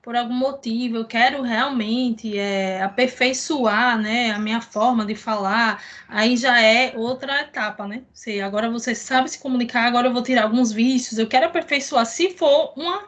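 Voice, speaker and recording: A woman hosts a relaxed conversation and talks a bit higher than most. She wanders through her thoughts and keeps tossing in little tag questions to check in with her guest. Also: normal speed, few pauses. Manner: rambling, with frequent tag questions. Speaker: host. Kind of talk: casual conversation.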